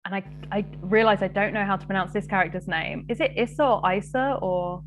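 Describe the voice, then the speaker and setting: A woman's voice: mid-range voice, fairly even intonation, fairly quick, slight background noise. A young woman hosting a live book chat and reading viewer comments in a bubbly, rambling way. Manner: bubbly, rambling, filler-heavy. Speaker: host.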